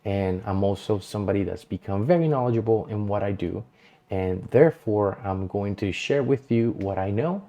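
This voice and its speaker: In a self-introduction vlog shot in a small dim home studio lit with colored lights, a Colombian man presents himself as a real estate agent. He speaks at a moderate pace in a low, warm voice, earnest and easygoing, with a loose delivery heavy on fillers.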